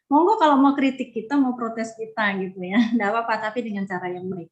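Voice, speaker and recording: A woman giving a webinar talk to mothers, speaking in a warm, repetitive way full of "ya". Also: a little high, a little fast. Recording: dull lo-fi video call audio.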